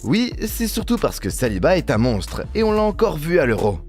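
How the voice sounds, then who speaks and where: Lively teasing man narrating over music. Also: fairly high pitch, fairly quick. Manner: teasing, mock-indignant, addresses viewers directly. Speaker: video host and narrator. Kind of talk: humorous scripted voice-over commentary.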